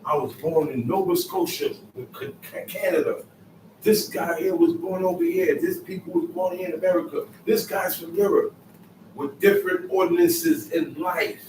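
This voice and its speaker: A man's voice: high-pitched, steady tone, normal speed, noisy background. A man giving a Sabbath scripture lesson, emphatic and repetitive, in casual street phrasing. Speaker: Bible teacher. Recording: echoey room, mic far off, faint ambience.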